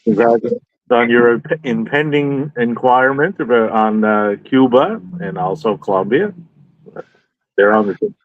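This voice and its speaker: A man's voice: mid-range voice, lively intonation, measured pace, dry recording. A man calling in as a remote guest over a patchy, breaking-up connection, chatting casually and stumbling over his words. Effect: patchy, breaking-up remote call audio. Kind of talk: casual chat. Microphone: remote call mic. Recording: dull, lo-fi remote call line with background noise.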